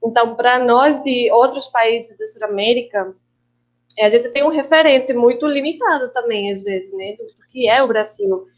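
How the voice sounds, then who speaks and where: A woman from Colombia with a Colombian Spanish accent, a guest filmmaker and actress on an online panel, who speaks reflectively and haltingly, slipping Spanish words into her Portuguese. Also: on the high side, muffled recording.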